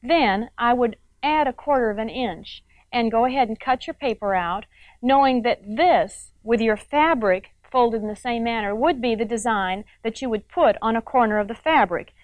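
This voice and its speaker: A middle-aged quilting show host, her voice a little high, walks viewers through each step at a moderate pace in an instructional TV demonstration. She is chatty and often uses tag questions, and the recording has no echo but sounds muffled.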